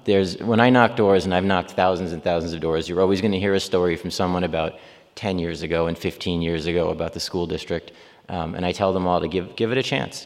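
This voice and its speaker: A man in his forties from Long Island, New York, now a city mayor, talks informally to a church congregation and takes questions. His low, creaky voice rambles along with frequent ums and restarts. The church hall is reverberant.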